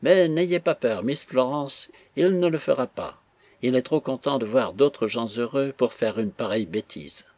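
A man's voice: medium pitch, unhurried, a little mellow, no room sound, lightly acted. A man voicing a gushing, emotional young female maid who talks in a breathless torrent. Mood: chattering. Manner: breathless torrent of words, sobbing with joy.

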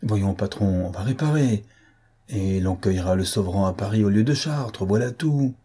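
A man voicing a rough, simple police sergeant in a storybook reading, complaining about the cold and shrugging off his boss's fury. The voice is husky and dark. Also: on the low side, expressive, moderate pace. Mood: soothing.

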